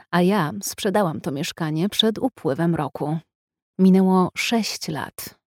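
A woman reading a first-person story aloud in a calm, measured, intimate way. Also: deep voice, no room sound, studio quality. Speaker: audiobook narrator. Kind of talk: scripted first-person narration.

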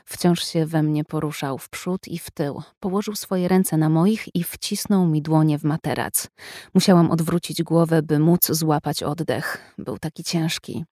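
A woman narrates a first-person story in a calm, measured, intimate tone. Her voice sits slightly low, and the recording is close and dry, with no room sound. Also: no echo. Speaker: audiobook narrator.

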